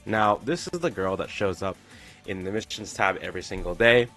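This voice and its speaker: Man in a pitched-up, halting voice. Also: fairly bright tone. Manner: halting, repeats phrases and stumbles over words. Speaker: streamer. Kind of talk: tier-list video narration. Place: pre-recorded video played on stream. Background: faint background music.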